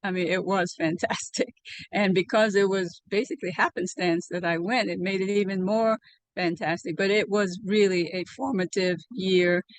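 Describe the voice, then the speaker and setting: An older woman from Liberia, recounting her past in an oral history interview over a video call, speaking in a measured way with many fillers. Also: medium pitch, fairly even intonation, no room sound. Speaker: interviewee, alumna. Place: home room, indoors. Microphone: video call webcam.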